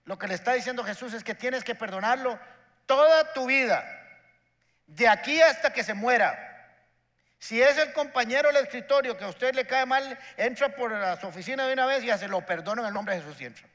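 A man's voice: very high voice, brisk, fairly bright tone, long reverb tail. A man, preaching a sermon as a pastor and acting out the characters in his story.

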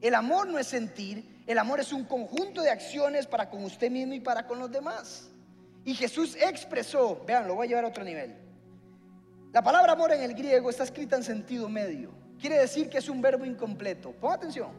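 A pastor preaching with a very high, lively voice that rises and falls. He keeps turning to the congregation with questions. His voice rings in a large hall with long reverb, and faint music plays behind him. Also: a little fast. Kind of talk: sermon. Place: church hall.

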